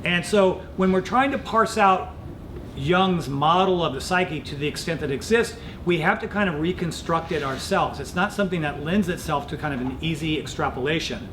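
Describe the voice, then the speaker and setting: A middle-aged male professor gives an explanatory lecture in a fairly high voice. His phrasing is thoughtful and informally academic. The room is very echoey, with a clear low rumble of noise behind him. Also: normal speed, fairly bright tone.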